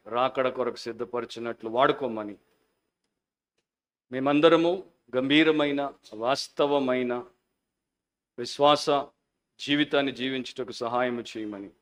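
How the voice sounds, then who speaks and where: A man preaching a Sunday sermon as a pastor, passionate at the peaks and hushed in prayer, mixing English phrases into his Telugu. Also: medium pitch. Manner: fervent preaching, shifting into quiet prayer.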